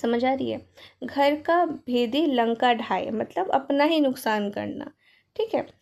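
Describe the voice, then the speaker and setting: A woman's voice: high-pitched, slow pace, gravelly, a little mellow. A woman teaching a Hindi grammar lesson, mixing English into her explanations and giving example sentences. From Odisha, India.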